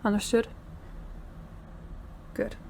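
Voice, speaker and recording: A woman draws out her words in a slightly mellow voice while playing a stern crime boss overseeing her department heads. She sounds commanding and businesslike in this scripted audio roleplay, and a little hiss or hum can be heard.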